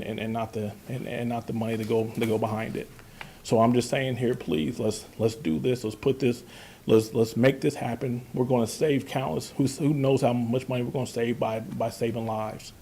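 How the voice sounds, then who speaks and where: A man's voice: mid-range voice, dark tone, slight background noise. A man from Kansas giving public comment at a county budget hearing, earnest and pleading, stumbling through restarts and repeated words. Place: county meeting room.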